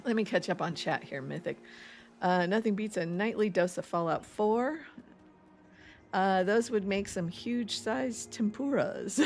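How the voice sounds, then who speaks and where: Streaming a game, this East Coast woman chats casually, laughing, rambling, and reading messages from chat out loud. She speaks slowly in a mid-range voice with lively intonation, over a faint hiss or hum.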